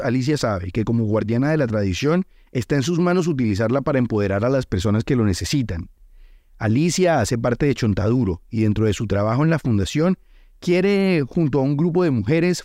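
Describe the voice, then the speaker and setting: A man giving calm scripted narration for a documentary. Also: medium pitch, dry recording, clean studio sound.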